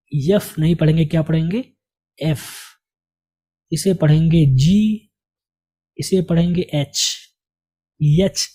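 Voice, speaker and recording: Slow, patient man teaching letters. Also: fairly high pitch, dark tone. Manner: patient, repeats and asks questions to the learner. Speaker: English teacher. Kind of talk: slow spoken lesson.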